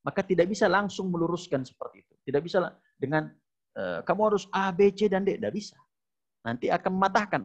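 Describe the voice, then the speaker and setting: A man giving a lively sermon as a preacher, who acts out quoted husbands and wives in a raised voice. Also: fairly high pitch, creaky. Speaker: Islamic preacher. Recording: dull lo-fi recording.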